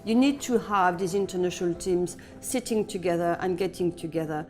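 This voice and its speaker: A woman's voice: fairly low pitch, fairly quick, a little mellow. Earnest woman over guitar music. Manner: earnest, stumbles over repeated words. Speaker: talent officer. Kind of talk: interview clip in a promo film.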